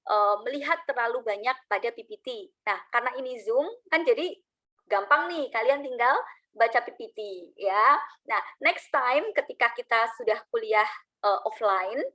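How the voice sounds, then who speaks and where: Woman, lecturer, slightly high voice, lots of "eee" fillers, gentle teaching tone, video call. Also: poor audio. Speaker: university English lecturer. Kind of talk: online class feedback.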